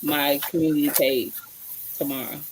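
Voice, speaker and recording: A woman's voice: deep voice, fairly even intonation, normal speed, a little mellow, slight background noise. A woman hosting a casual livestream, chatting with viewers by name and rummaging around her kitchen as she talks. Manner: chatty, greets viewers by name, searches while talking. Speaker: livestream host.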